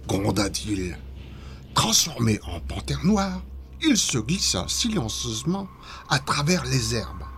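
A man narrating a children's storybook in an expressive, dramatic read-aloud manner. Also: mid-range voice, slow, slight background noise.

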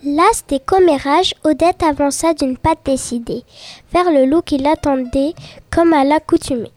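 A woman reading a children's story aloud in a lively, expressive way. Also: high voice, a little slow, no room sound.

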